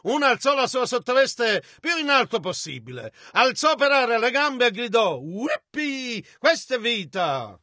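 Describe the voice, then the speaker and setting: A man giving a translated voice-over of a sermon, relaying the preacher's words in a measured, steady way. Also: very high-pitched, dry recording. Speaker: interpreter.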